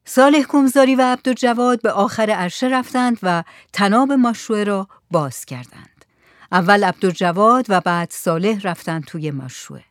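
An audiobook narrator reads a story in a steady, measured way. The voice sits at a middle pitch and sounds close and dry, with no room echo. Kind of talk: scripted narration.

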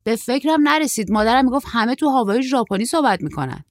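Woman playing a stocky young surfer guy, high voice, eager, dry close sound. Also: no echo, lightly acted. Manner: excited, quick, high-pitched boyish delivery.

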